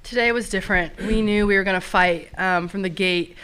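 A young woman speaks earnestly at a postgame press conference. Her voice is bright and clear, and she leans into each point with emphasis. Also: medium pitch, brisk. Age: young adult. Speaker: college softball player. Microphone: table mic.

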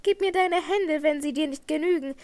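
A woman's voice: sits high, fairly even intonation, moderate pace, dry recording, natural voice. A woman voicing a raging disfigured phantom. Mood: raving lament. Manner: roaring, mocking, raised voice. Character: disfigured masked man, furious and obsessive.

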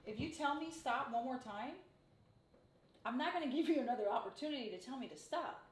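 High-voiced woman in a comedy skit, brash and teasing, pushy, echoey room. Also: animated, brisk. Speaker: comedy sketch actor. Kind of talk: improvised comedy sketch. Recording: echoey room, faint noise.

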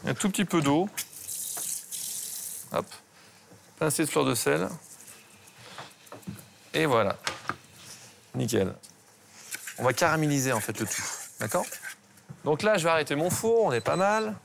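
A man, a pastry chef, teaching a cooking class and walking viewers through each step in a brisk, instructive way. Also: a little high, very animated, gravelly, slight background noise. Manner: instructive, brisk, addresses viewers with "regardez" and "hein". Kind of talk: cooking demonstration.

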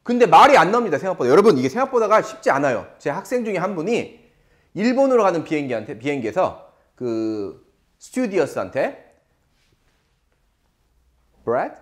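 Lively Korean male English teacher. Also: a little high. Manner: lively, animated lecturing with slow drilled English phrases. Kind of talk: online English lesson.

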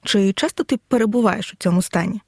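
A woman teacher giving a scripted audio lesson, explaining in a measured way and reading examples out one by one. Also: mid-range voice. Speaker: Ukrainian language teacher.

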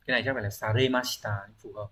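A man's voice: on the low side, steady tone, racing, sharp tone. Patient man teaching a language lesson. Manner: explains patiently, asking rhetorical check-in questions; thinks aloud with frequent hesitation fillers. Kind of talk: recorded online exam-review lesson.

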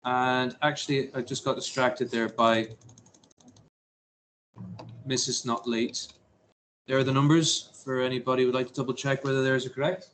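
A man's voice: medium pitch, little pitch movement, moderate pace, long pauses, a bit bright, a little hiss or hum, rough recording. A man teaching a science lesson to his class, talking through a simulation with jokey, self-deprecating asides.

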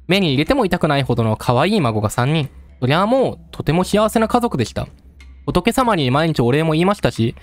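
A man's voice: a little high, no room sound, lightly acted. A man voicing a pitiful old female ghost who pleads in humble, old-fashioned speech. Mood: mournful.

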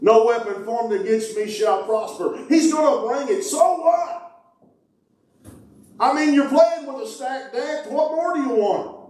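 A middle-aged man preaching as pastor, calling out to his congregation and shouting with fervor. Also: extremely high pitch, animated, a little slow, distant mic. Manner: fervent preaching, calls out to the congregation, shouts "woo". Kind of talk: sermon. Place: church sanctuary, indoors. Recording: echoey church hall from afar. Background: congregation responding.

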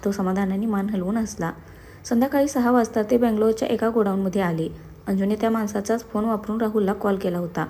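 A woman's voice: medium pitch, steady tone, a little fast, mellow. A woman narrating a scripted story, reading every character's dialogue in her own voice. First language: Marathi. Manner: reads all characters' dialogue in her own voice, switching to Hindi for some.

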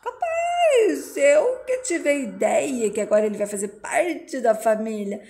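A meddling woman coaxing and insisting, her voice high and persistent, as a woman reads her part. The delivery is pushy and pleading. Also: sing-song, unhurried, dark tone, a little hiss or hum, full character voice. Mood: insistent.

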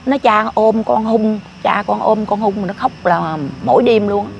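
A woman's voice: mid-range voice, moderate pace, gravelly, darkish tone, dull audio, a little hiss or hum. An older grandmother, talking in a rambling, repetitive way about her family. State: often ill. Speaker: grandmother interviewed. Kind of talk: casual storytelling.

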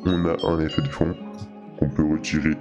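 A man talking casually through a voice-changer effect that makes his voice very deep, while showing a gaming tutorial. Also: flat delivery, over music. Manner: quick, chatty, addresses viewers as guys. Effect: voice changer lowering the voice. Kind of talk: casual screen-recording tutorial.

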